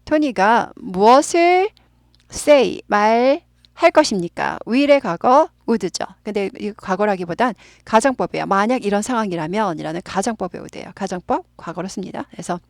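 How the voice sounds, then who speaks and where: A woman gives an English grammar lesson in Korean, slowing down and drawing out the key words as she explains. Her voice sits at a middle pitch and sounds close and dry, with no room around it. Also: no echo. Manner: patient, stretches out key words, often says 예 and 네. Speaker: English teacher.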